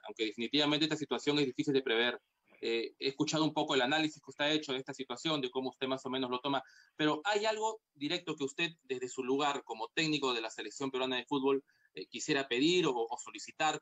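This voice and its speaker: A man's voice: a little high, fairly bright tone. A man, a sports reporter asking a polite, formal question at a press conference.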